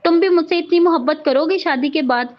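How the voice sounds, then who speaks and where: A woman's voice: very high-pitched, fairly quick. Earnest young bride, curious; a woman reads her, with muffled sound. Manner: earnest, questioning.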